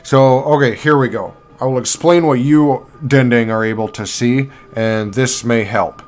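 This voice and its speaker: A man runs a tabletop game as game master, talking in a loose, rambling way full of fillers and quick self-corrections. His voice sits at an ordinary middle pitch. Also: faint music behind. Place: home streaming setup.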